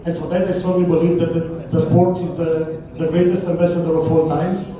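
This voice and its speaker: A man from Romania with a Romanian accent, a visiting coach giving a formal thank-you speech in a halting, deliberate way with repeated phrases. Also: a little high, level tone, mellow. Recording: distant echoey hall, audible crowd.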